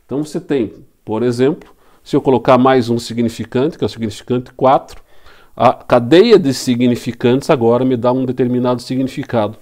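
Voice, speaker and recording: A man's voice: mid-range voice, a little fast, a little mellow. A man with a Brazilian Portuguese accent giving a recorded lecture, teaching step by step with rhetorical questions and repeated key terms. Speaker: law lecturer.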